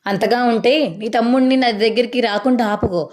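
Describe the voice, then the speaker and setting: A woman's voice: a little high, fairly even intonation, a little fast, a little mellow, close to an everyday voice. A woman voicing a cocky, mocking young bully in a retold TV serial. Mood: threatening. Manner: mocking then threatening.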